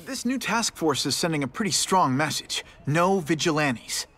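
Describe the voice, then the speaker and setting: A man's voice: on the high side, lively intonation, moderate pace, a bit bright. A man playing an earnest, nervous young photographer and secret hero in a video game, speaking hesitantly. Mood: earnest, guarded. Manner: hesitant, earnest, self-talking. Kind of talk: video game character acting.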